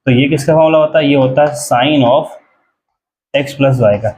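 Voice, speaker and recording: A man teaching a maths lesson at a board. He explains step by step, often asks the class a question and answers it himself, and slows right down while writing terms out. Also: medium pitch, fairly even intonation, a little mellow, low-quality recording.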